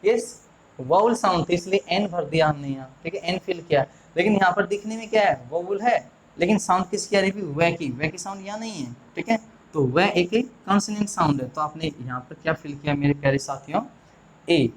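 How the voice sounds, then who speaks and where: A man's voice: high-pitched, expressive, brisk, a little hiss or hum, low-quality recording. Indian male teacher quizzing his class. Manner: coaxing, quizzes viewers with repeated questions. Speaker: English teacher. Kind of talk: classroom lesson explaining grammar.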